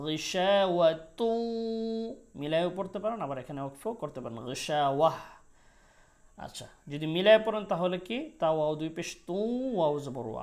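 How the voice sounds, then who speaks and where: A man teaching Quran recitation, repeating syllables slowly and explaining pronunciation in quick asides. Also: a little high. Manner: melodic Quran recitation with drawn-out vowels. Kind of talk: spelled-out recitation lesson.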